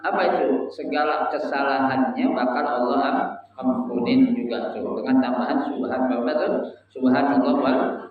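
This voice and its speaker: A man teaching a religious study group, asking the audience questions and chanting Arabic phrases in a sing-song. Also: fairly high pitch. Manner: asks the audience questions and lets them answer. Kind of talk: Islamic study lesson to a live group. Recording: echoey room, voice from far off, dull sound.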